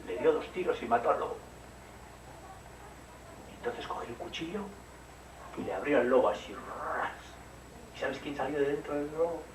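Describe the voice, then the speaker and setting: A man working as a psychomotor therapist, gently telling a story and playing with a child, often asking questions. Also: mid-range voice, lively intonation, moderate pace, pauses often. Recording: roomy room, distant mic, noisy.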